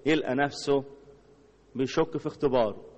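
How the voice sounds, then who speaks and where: A man's voice: medium pitch, steady tone, fairly quick, muffled recording. Egyptian guy preaching, keeps asking and answering his own questions, echoey big hall. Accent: Egyptian Arabic. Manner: rhetorical questions, heavy repetition. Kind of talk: sermon.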